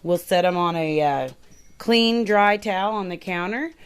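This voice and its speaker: Low-voiced woman demonstrating home canning. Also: unhurried, clear, resonant tone. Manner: chatty, thinks aloud while working. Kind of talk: casual step-by-step cooking demonstration. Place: home kitchen. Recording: home video with steady background noise.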